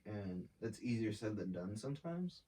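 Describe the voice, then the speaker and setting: A man's voice: lowish voice, sing-song, normal speed, warm tone, slight background noise. A young man, talking casually in an interview in a laid-back, slangy way. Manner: laid-back slangy talk, swearing, filler-heavy. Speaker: artist and brand founder. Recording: voice from a distance off the mic.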